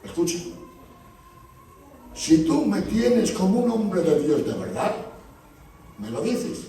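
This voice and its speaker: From a distance in an echoey church hall comes a Spanish preacher storytelling and acting out talks with church members. His high-pitched voice is mellow and sing-song, slow-paced, over a faint hiss or hum.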